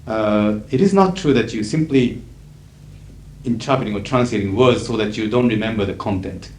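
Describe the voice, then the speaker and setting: In a lecture hall, a middle-aged native Japanese speaker with a Japanese accent lectures to an audience as an interpreter, measured and emphatic, using frequent fillers. His voice is lowish with a darkish tone, and the 1980s hall recording is echoey with faint hiss.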